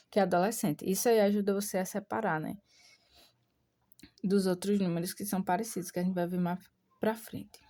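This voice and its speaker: Brazilian woman, English teacher, patient and repetitive, warm mellow tone. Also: mid-range voice. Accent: Brazilian Portuguese. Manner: explains patiently, repeats English words slowly. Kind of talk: casual online English lesson.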